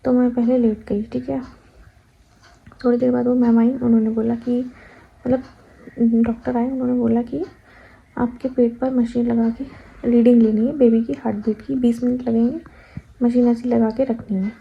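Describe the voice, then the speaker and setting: A woman's voice: a little high, moderate pace, creaky, pauses often, husky. A young woman vlogger, animatedly retelling a personal story in casual talk. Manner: animated retelling, acting out her own past cries. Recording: slightly dull lo-fi sound.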